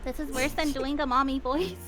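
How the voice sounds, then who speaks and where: A woman guest on a voice-acting stream chats in a self-deprecating way and laughs often. Her voice sits fairly high, with music running behind her. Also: fairly even intonation, fairly quick. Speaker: guest voice actor. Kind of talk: casual chat on a stream.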